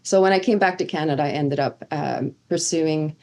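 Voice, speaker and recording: Her voice sits low and has a darkish tone, delivered at a normal pace. She is a middle-aged Old Testament professor at a seminary, originally from Sweden, giving earnest interview answers marked by many fillers and false starts.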